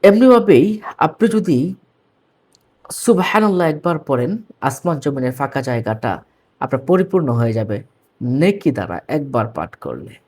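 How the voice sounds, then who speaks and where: A man with a Bangladeshi Bengali accent giving a religious pronunciation lesson, addressing viewers formally and slowly drilling right and wrong forms of words. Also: medium pitch, sing-song, a little mellow, husky. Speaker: religious teacher.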